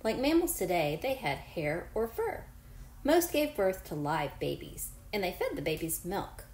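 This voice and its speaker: Her voice is fairly low and darkish, very animated, at a measured pace. She's a woman in her forties, a teacher reading a picture book to young children, encouraging and chatty, questioning the unseen listeners. Roomy echo and faint background noise surround her.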